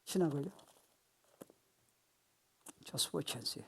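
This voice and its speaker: A man in his sixties preaching a sermon as pastor, animated and playful, acting out voices and laughing at his own jokes. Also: fairly high pitch, drawn-out words, gravelly, slightly rough.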